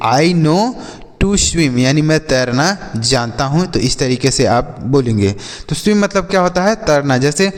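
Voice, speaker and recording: Slow-spelling man teaching. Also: on the high side, big-room sound. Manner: drills slowly, asks and answers his own questions. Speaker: English teacher. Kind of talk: classroom-style vocabulary lesson.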